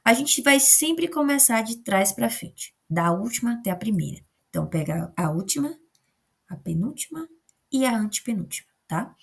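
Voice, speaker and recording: A woman's voice: fairly high pitch, very animated, normal speed, vocal fry, breathy edge. A woman with a Brazilian Portuguese accent, teaching a remote lesson as a teacher, explaining patiently step by step and often checking in with short tag questions.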